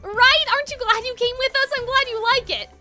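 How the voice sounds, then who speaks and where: A woman voicing an excitable, friendly young schoolboy in a game, gushing and eager. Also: extremely high pitch, a little fast, soft background music, pitched above the performer's own voice, exaggerated voice. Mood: excited, delighted.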